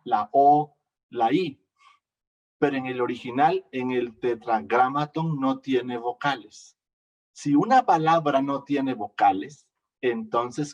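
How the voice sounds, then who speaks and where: A male preacher teaching a church congregation at an unhurried pace, going back over his phrases and checking that listeners follow. His voice is picked up from a little way off the microphone. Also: medium pitch, recorded from a distance. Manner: slow teaching, repeats phrases, asks the congregation questions. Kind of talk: sermon.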